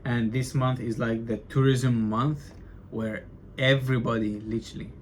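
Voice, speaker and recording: A man's voice: medium pitch, flat delivery, normal speed, a little hiss or hum. A young man talking casually to his camera in a vlog, loose and rambling, often saying like and bro, with some stuttering. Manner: loose and chatty, says bro and like a lot, stutters. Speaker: vlogger documenting his business.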